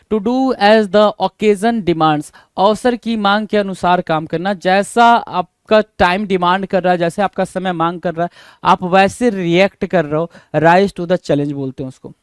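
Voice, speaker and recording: A man teaching English idioms in Hindi for exam prep. He repeats each idiom slowly and keeps asking the class rhetorical questions. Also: sits high, clear, resonant tone, no echo, clean studio sound. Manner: asks the class rhetorical questions, calling them "bhai". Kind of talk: exam-prep vocabulary lesson.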